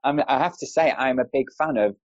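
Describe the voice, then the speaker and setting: A man's voice: medium pitch, fairly quick, no room sound, lo-fi sound. A man chatting thoughtfully as a podcast guest over a video call, laughing easily.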